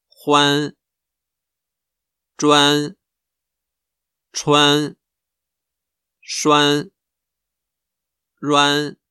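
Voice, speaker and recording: Man slowly modeling syllables. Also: fairly high pitch, bright, forceful tone, clear, resonant tone, no room sound, studio quality. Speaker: model speaker for pronunciation. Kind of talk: slow, careful model pronunciation.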